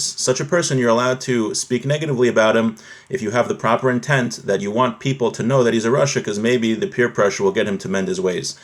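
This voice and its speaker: A man with a voice on the low side teaches a live religious class. He reads from a text, translates it, and explains it point by point, often rephrasing as he goes.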